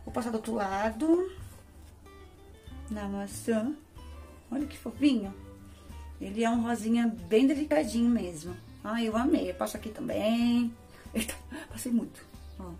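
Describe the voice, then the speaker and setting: A woman's voice: a little high, moderate pace, pauses often, mellow, soft background music. A Brazilian woman casually reviewing makeup in a chatty, affectionate way, talking straight to her viewers. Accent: Brazilian Portuguese. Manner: chatty, affectionate, addresses viewers as "amores" and "gente". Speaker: beauty vlogger.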